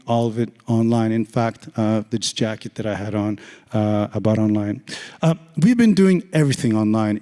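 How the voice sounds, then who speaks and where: A Canadian man who has lost his voice gives a conference talk on stage in a large conference hall, sounding hoarse and raspy. His voice is medium-pitched and warm, and his manner is casual, joking and heavy with fillers. The recording carries long hall reverb.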